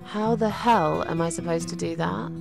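Gloomy, gravelly middle-aged loner. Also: female voice, on the low side, normal speed, over music. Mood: exasperated. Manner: hesitant, sullen and grudging. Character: weary gloomy middle-aged woman, reluctant and withdrawn. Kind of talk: video game voice acting.

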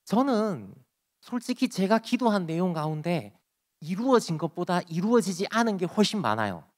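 A male pastor delivering a sermon in a church sanctuary. His pitch rises and falls in a lively, animated way. He swings between loud pleading lines and soft, quiet asides. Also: normal speed. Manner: acts out pleading prayers in quoted voices, swings loud and soft.

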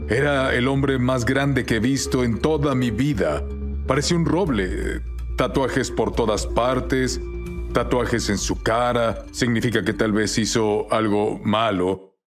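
A man's voice: mid-range voice, a little slow, faint music behind. Earnest man telling faith stories. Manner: earnest storytelling with quoted dialogue. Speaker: guest minister. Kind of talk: dubbed testimony interview.

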